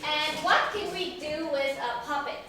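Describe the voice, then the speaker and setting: In a very echoey classroom picked up by a distant mic with faint noise, a woman gives a young class an English lesson. She asks simple questions, repeats words and praises answers in an encouraging, instructional way. Her voice is high-pitched, pushed and bright, and she takes her time.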